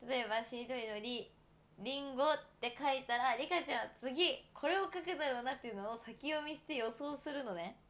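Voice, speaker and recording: A woman's voice: high voice, a little fast, a bit bright. A woman in her twenties from Toyama, chatting casually and giggling often as a livestream host, filling her talk with fillers. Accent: Toyama Japanese. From Japan (Toyama). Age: 20s. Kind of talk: casual solo livestream chat.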